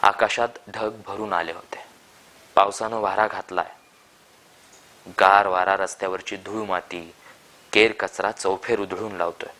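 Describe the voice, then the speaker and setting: A man reading a short story aloud in calm, measured narration. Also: low voice.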